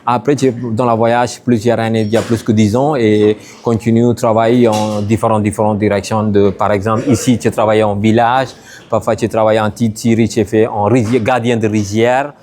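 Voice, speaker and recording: A Sri man speaking in broken, halting French with many hesitations, interviewed as an artist at an exhibition. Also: on the low side, level tone, a little mellow. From Sri Lanka.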